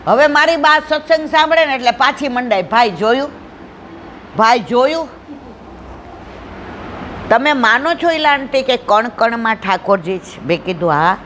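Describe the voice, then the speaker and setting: Woman telling a devotional story slowly. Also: high voice, expressive, a bit bright, slight background noise. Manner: acts out dialogue in storytelling, slow emphatic repetitions. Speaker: satsang speaker.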